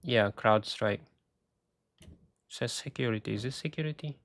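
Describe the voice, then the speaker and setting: A man hosting a casual screen-share walkthrough, thinking aloud with halting restarts, and he is losing his voice. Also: mid-range voice, fairly bright tone, a little hiss or hum. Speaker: tech video host.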